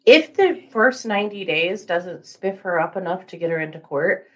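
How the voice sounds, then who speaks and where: Woman co-host, lively intonation, jokey, a little sleepy. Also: fairly low pitch, normal speed. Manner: playful, jokey, drowsy from just waking. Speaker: livestream co-host. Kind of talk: casual livestream chat.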